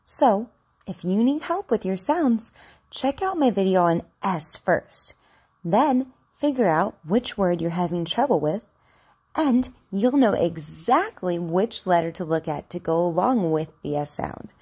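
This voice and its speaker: Female instructor for a speech lesson, animated intonation with a slightly husky tone, addressing learners directly. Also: lowish voice, measured pace.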